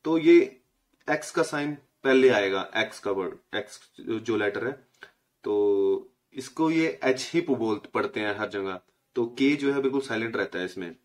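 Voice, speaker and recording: A man's voice: lowish voice, expressive. Man patiently teaching letter sounds. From India. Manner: explains patiently, repeats letter sounds slowly. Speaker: language teacher. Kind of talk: casual spoken lesson.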